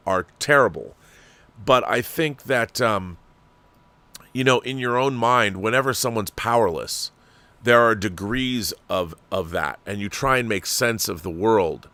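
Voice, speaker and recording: Medium-pitched and pushed with a bright edge, this American man from Washington state hosts a livestream with no room sound. He rambles conversationally, tosses out rhetorical questions, and shares his views while responding to what viewers write in.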